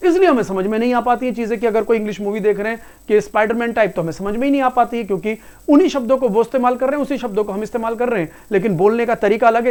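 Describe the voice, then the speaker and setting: A man's voice: very high-pitched, a little mellow. A male English teacher giving a class lecture, explaining patiently, repeating himself and calling the students "beta".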